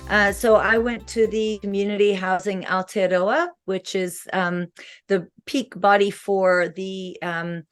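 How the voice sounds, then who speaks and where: Female meeting host, mid pitch, halting delivery, video-call sound. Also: steady tone, smooth, soft background music. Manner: hesitant, many fillers. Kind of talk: online meeting introduction.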